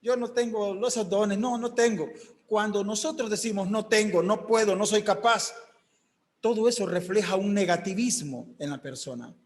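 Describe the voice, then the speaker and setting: A man's voice: high voice, normal speed, big-room sound. A man preaching an emphatic sermon, acting out the voices he quotes.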